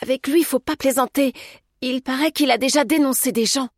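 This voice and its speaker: A woman's voice: sits high, a little fast, no room sound, clean studio sound, pitched above the performer's own voice. A woman doing a timid, anxious housemaid. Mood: fearful. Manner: anxious, pleading. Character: timid, fearful young housemaid. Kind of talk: audiobook character voice.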